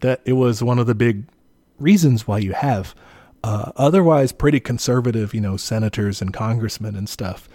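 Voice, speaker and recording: A man explaining history in a relaxed podcast chat, peppered with "like" and "you know". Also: medium pitch, moderate pace, dry recording.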